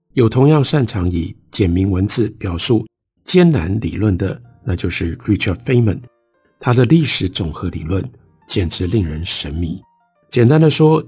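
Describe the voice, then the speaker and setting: A man with a low, very husky voice that rises and falls a great deal, hosting a radio book program. He reads passages aloud and explains them in a measured, lecturing manner, with faint music underneath. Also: a little mellow. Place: radio studio.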